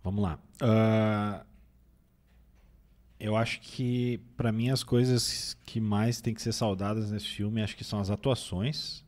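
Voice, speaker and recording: A man's voice: lowish voice, slow. A man with a nasal voice from a cold, chatting casually as a film critic. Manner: relaxed, rambling with restarts. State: recovering from a cold. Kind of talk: casual film review chat.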